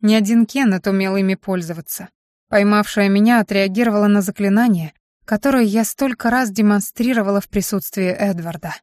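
A woman narrating a first-person fantasy audiobook in an expressive storytelling manner. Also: medium pitch, fairly quick, dry recording, clean studio sound.

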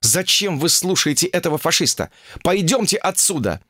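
Man doing a shrill fed-up young woman, squeaky high voice, all over the place. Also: sing-song, moderate pace, a bit bright, no room sound, studio quality. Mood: exasperated. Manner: shrill, exasperated protesting. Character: indignant young woman graduate student. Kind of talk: audiobook character reading.

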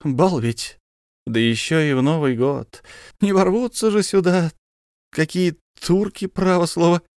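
A careful, deferential staff captain who hedges every phrase with old-world courtesy, as a male narrator plays him. His voice is pitched somewhat higher than an ordinary man's speaking voice and recorded dry and close. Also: unhurried, darkish tone, clean tone, no echo, natural voice. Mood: cautious. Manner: hesitant, deferential, old-fashioned polite speech. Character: cautious polite army staff captain, old comrade.

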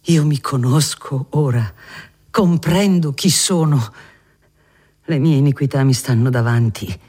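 A man voicing a once-violent nobleman, now remorseful, crying out in slow, wrought exclamations. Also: mid-range voice, darkish tone, husky.

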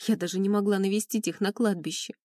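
A woman's voice: medium pitch, steady tone, fast talker, warm tone, no room sound. A woman reading a first-person audiobook in an emotional, mournful way, close to the mic. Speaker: audiobook narrator.

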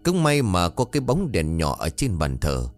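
A man tells a ghost story in a low, lively voice that rises and falls with the tension. He also slips into the characters' voices for their lines. Faint music plays underneath the narration. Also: moderate pace.

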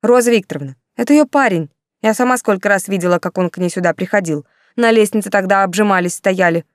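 A woman's voice: mid-range voice, steady tone, quick pace, dry recording, clean studio sound, pitched above the performer's own voice, natural voice. A woman voicing a sly, spiteful young female student who tattles in a needling tone. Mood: spiteful tattling.

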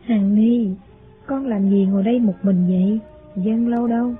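Male reader doing a fretful, soothing mother in a raised falsetto for a storybook, phone-quality sound. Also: fairly even intonation, moderate pace, natural voice. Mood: anxious coaxing. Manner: coaxing, anxious, reassuring. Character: worried middle-aged mother, anxious and soothing. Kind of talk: audiobook character voice. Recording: phone-like sound, faint music.

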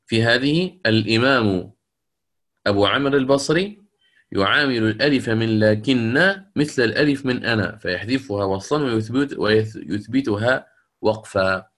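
A man teaching Quran recitation rules in a lecture, explaining patiently, asking his students questions and slowing down to recite verses. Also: on the low side, a bit bright.

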